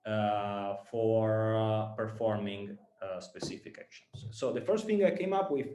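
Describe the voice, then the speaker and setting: Speaking to a room of students, a startup founder from Italy stumbles along in his Italian accent, repeating words and relying heavily on fillers. His fairly low, warm voice echoes around the room.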